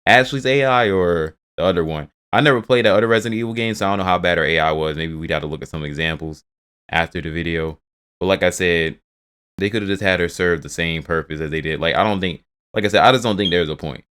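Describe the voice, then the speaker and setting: Deep fast-talking male reaction host. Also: fairly bright tone, smooth. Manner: rambling, profane, restarts a lot. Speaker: video host reacting to game news. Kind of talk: casual reaction commentary.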